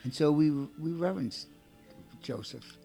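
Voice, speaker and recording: A man with a Brooklyn accent and a gravelly voice, chatting casually about faith as a co-host. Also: fairly high pitch, expressive, measured pace, over music. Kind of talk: casual religious chat.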